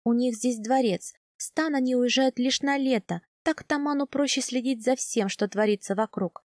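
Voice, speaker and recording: A woman calmly narrating a first-person audiobook in an even storytelling manner. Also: fairly high pitch, normal speed, dry recording, clean studio sound.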